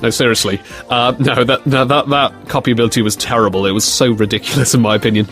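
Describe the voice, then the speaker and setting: A man's voice: mid-range voice, steady tone, fast, a bit bright, soft background music. A young British man answering fan questions in a casual, jokey chat, rambling with plenty of fillers and restarts. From Britain. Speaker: co-host of a fan series Q&A.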